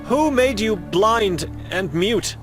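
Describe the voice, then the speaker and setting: A man's voice: sits high, animated, takes it slowly, over music. A man voicing a young monk in a game who is searching for his sister, polite and earnest as he presses with questions. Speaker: game protagonist.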